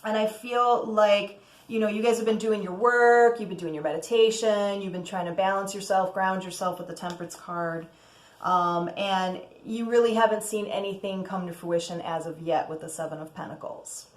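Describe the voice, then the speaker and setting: A woman's voice: medium pitch, fairly even intonation, moderate pace, reverberant. A woman giving a casual, chatty tarot reading as host, often checking in with "okay?" and letting out cheerful whoops. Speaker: tarot reader.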